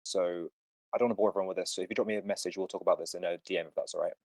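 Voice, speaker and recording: Deep fast-talking man explaining fitness. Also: steady tone, darkish tone, dry recording, rough recording. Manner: confident, explanatory. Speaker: podcast host answering fitness questions. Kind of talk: casual podcast chat.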